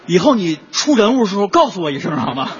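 A man playing the straight man in a crosstalk comedy act, firing off wry, quick retorts. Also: high voice, sing-song, lo-fi sound, a little hiss or hum.

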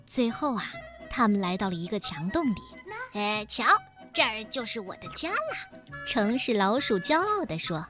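A woman narrating a children's story in a gentle, expressive storybook manner. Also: on the high side.

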